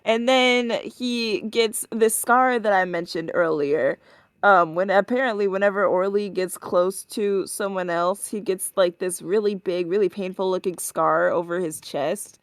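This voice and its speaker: A woman chats loosely about a game demo, stumbling through fillers and restarts. Her voice is smooth and resonant, recorded close and dry with no room sound, at an ordinary middle pitch. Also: unhurried, no room sound. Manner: chatty, many fillers and restarts, acts out quoted lines. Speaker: podcast co-host. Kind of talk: casual chat recapping a game demo.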